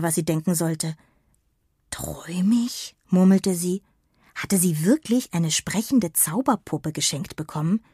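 A woman reads a children's story aloud in a fairly low, expressive voice. The sound is close and dry, with no room echo. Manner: expressive reading, briefly voicing the characters. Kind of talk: scripted narration of a children's story.

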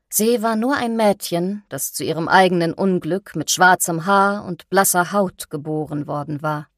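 Low-voiced woman narrating a dark tale. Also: no room sound, clean studio sound. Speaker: audiobook narrator. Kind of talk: scripted narration.

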